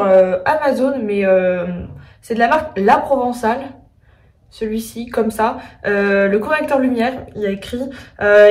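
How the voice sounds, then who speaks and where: A beauty vlogger with a fairly high, slightly mellow voice chats through a casual makeup tutorial, thinking aloud with frequent hesitant "euh" fillers. The room is echoey and her voice sounds a bit far from the mic.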